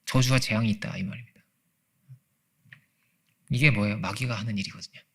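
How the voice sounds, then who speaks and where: A man's voice: on the low side, steady tone, brisk, slightly rough. A man pastor preaching a conversational Sunday sermon in a church, asking his listeners rhetorical questions and acting out quoted voices. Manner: acts out quoted voices, laughs often. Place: church sanctuary.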